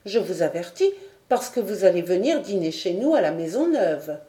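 A woman's voice: lowish voice, big pitch swings, normal speed, dark tone. A woman reading a storybook, voicing a proud, mocking ten-year-old noble girl in a slightly raised voice. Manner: mocking, haughty, curt. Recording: roomy echo.

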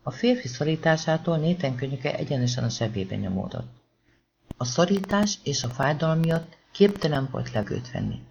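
A man narrating an audiobook in a steady, measured reading. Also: a little high, vocal fry. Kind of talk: scripted narration. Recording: slightly dull lo-fi recording with faint hiss.

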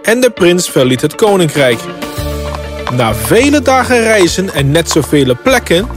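A man's voice: high-pitched, sing-song, unhurried, over music. A man reading a scripted fairy tale as a storybook narrator.

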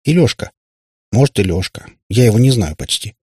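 A sharp-tongued little witch girl teases and boasts in a raised, scoffing voice, as a man reading the book puts her on. The voice keeps a husky edge and sits dry and close to the mic. The audiobook reading stays lively and mocking. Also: on the low side, no room sound. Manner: teasing, boastful, quick to scoff.

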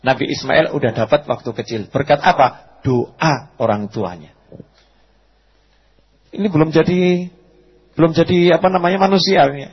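Husky-voiced man preaching a lively sermon. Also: a little high, moderate pace, pauses often, lo-fi sound. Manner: lively storytelling sermon, acting out quotes, asking the audience questions.

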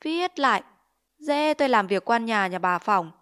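A woman's voice: mid-range voice, moderate pace, close to an everyday voice. A woman voicing a greedy, bullying male village chief who sneers and makes threats in a Vietnamese storybook reading. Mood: menacing. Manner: blustering, sneering, extorting.

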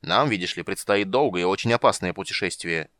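An eccentric old wizard, cranky and absent-minded, who fusses and scolds everyone around him, as a male reader puts him on. The voice sits fairly low with a dry, close sound. This is storybook narration for an audiobook. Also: brisk, fairly bright tone, no echo. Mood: bossy. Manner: muttering, scolding, fussy. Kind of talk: audiobook reading.

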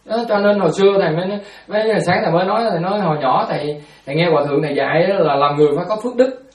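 Fields: male Buddhist monk. Style: fast, animated dharma storytelling with a fairly high voice. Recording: roomy, distant. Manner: animated storyteller, repeats words, acts out quotes.

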